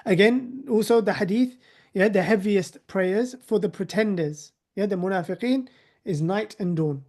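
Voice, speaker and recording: A man's voice: high voice, normal speed, darkish tone. A man teaching a live class in a conversational way, with sarcastic rhetorical asides. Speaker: teacher of hadith.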